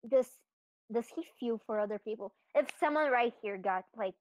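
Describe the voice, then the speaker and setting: A woman's voice: on the high side, normal speed, no room sound, dull audio. A young woman playing a tabletop game, pleading and questioning persistently. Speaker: player. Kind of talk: casual tabletop game play.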